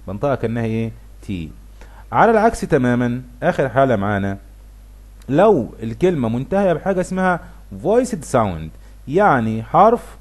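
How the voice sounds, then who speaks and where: Lively Egyptian man teaching pronunciation. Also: mid-range voice. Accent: Egyptian Arabic. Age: middle-aged. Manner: lively, stretches words slowly to demonstrate sounds. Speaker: English teacher. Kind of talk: explaining pronunciation to viewers.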